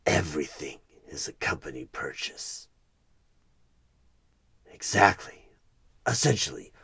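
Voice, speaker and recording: A male voice performs a sinister devil recruiting as a job interviewer in a one-sided horror ASMR roleplay, extremely low, husky and breathy yet a bit bright, often sinking into whispers. It's a full character voice, seductive and grandiose, slow and menacingly persuasive with drawn-out pauses.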